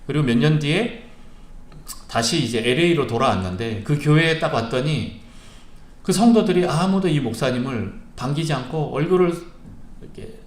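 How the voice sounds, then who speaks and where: Animated pastor preaching in an echoey church. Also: male voice, fairly high pitch. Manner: storytelling with frequent "uh" pauses and vivid retelling. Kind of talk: sermon. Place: church sanctuary.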